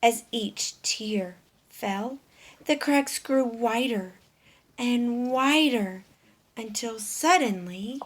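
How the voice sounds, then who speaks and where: A woman whose voice sits on the high side reads a picture book aloud to kids. She is often hushed, narrating with deliberate expression and stopping to ask her young listeners questions.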